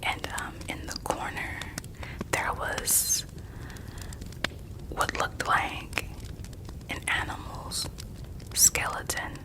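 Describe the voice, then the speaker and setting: A person telling stories in a soft, breathy ASMR whisper, lingering over words and softly repeating some of them. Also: very slow, pauses often, low-quality recording. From United States. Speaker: ASMR creator.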